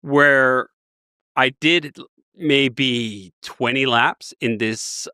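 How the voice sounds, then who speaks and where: Danish guy in his 40s, keen rambling storyteller, bright sharp voice. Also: medium pitch, very slow, clean tone, no room sound, studio quality. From Denmark. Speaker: guest. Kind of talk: casual interview talk.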